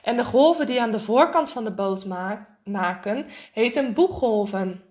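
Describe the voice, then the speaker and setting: A woman's voice: fairly high pitch, animated, measured pace, a little mellow. Woman voicing a hearty dad. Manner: hearty, reassuring. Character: cheerful, caring father of a boy.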